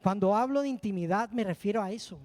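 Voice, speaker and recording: Male preacher, higher voice, earnest testimony, long church-hall reverb. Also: fast, darkish tone. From Spain. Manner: earnest, heartfelt storytelling with emotional asides. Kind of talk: sermon with personal testimony.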